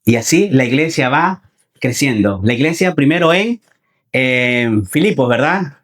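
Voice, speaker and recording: A man's voice: medium pitch, expressive, measured pace, fairly bright tone. Preacher man asking rhetorical questions. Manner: repeats phrases, asks the congregation rhetorical questions; addresses listeners as brothers. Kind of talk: Sunday sermon.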